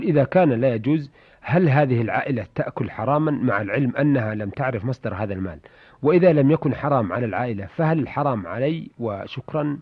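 A man hosting a radio programme, courteously reading out listeners' questions in formal Standard Arabic. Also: mid-range voice. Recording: dull lo-fi radio recording.

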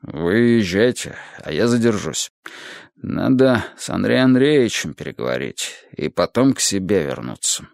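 A man doing a quiet, guarded KGB chief. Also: big pitch swings, moderate pace, creaky, dry recording. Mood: preoccupied. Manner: quiet, low, preoccupied. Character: middle-aged male KGB chairman, guarded and preoccupied. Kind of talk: audiobook reading.

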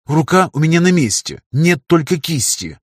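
A man's voice: a little high, big pitch swings, moderate pace, slightly rough, no echo, clean studio sound, pitched above the performer's own voice. A man voicing a stubborn, wounded male arena fighter who answers defiantly through gritted teeth, in an audiobook.

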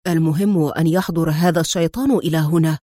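A menacing male general speaks quietly and coldly, as a woman reading a storybook puts him on. Her voice drops low for him, and the sound is dry and close. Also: quick pace, dry recording. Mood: icy. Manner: quiet and icy.

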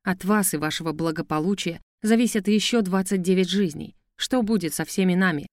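A woman's voice: lowish voice, a little fast, a little mellow, no room sound, clean studio sound, natural voice. A woman voicing a heated, insistent male steward in an audiobook. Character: anxious, insistent male slave manager.

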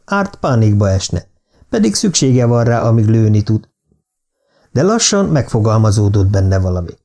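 A man narrating a thriller novel as an audiobook in a steady, even reading. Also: lowish voice.

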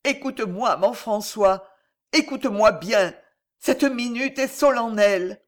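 A man's voice: high voice, a little slow, fairly bright tone, voice pushed up. A man doing a tender, devoted young woman. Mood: tender, fervent.

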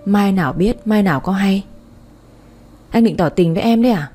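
A woman reading the part of a drunk young husband, speaking in a slow, drawn-out, whiny slur. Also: medium pitch, mellow, breathy edge, faint music behind, lightly acted. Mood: drunk tender. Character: drunk young husband, slurring, clingy and tender.

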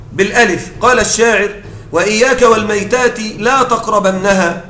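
Male grammar teacher, high-ish voice, patient explainer with halting restarts, echoey room. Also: fairly bright tone, a little hiss or hum. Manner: explanatory, checks in with listeners often; halting restarts mid-word. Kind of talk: Arabic grammar lecture.

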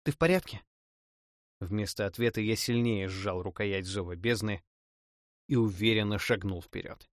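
Guy narrating a fantasy audiobook, expressive, lowish voice, super dry mic. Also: normal speed, no echo. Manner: dramatic, expressive reading.

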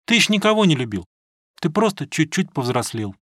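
A man reading an audiobook, voicing a gentle, sad young village woman who speaks softly and tenderly. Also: low-pitched, big pitch swings, brisk, no echo, studio quality, full character voice. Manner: soft, tender, consoling.

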